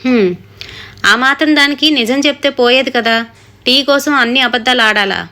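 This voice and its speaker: A woman's voice: sits high, normal speed, bright, forceful tone. A woman voicing a frightened, pregnant young wife who pleads anxiously. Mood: indignant.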